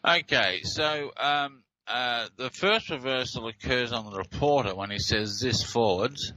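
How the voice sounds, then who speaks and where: A man's voice: mid-range voice, expressive, measured pace, very noisy. A man with an Australian accent hosting a talk show, explaining audio clips in a hesitant way with many fillers and restarts. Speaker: host.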